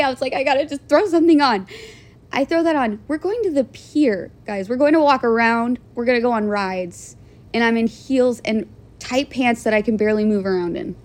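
A young woman in her twenties hosting a podcast, telling a dating story in a chatty, giggly way, laughing often and swearing. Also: a little high. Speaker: podcast host. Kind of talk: casual storytelling.

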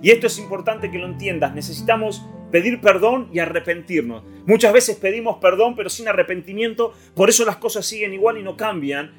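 Rioplatense preacher guy, easter sermon, loud then hushed, kinda high voice. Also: fairly quick, few pauses. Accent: Rioplatense Spanish. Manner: impassioned, swings from loud to hushed. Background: soft guitar music.

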